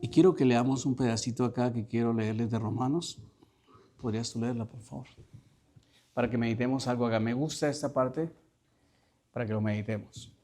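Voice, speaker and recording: Priest guy preaching, middle pitch, keeps asking the crowd questions. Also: warm tone. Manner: questioning the listeners, slow emphatic reading. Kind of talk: sermon.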